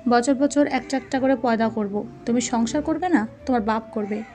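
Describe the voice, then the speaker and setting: A woman's voice: fairly high pitch, normal speed, a little mellow, soft background music, close to an everyday voice. A woman voicing a hot-tempered, jealous young husband who speaks in angry, clipped threats. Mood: furious.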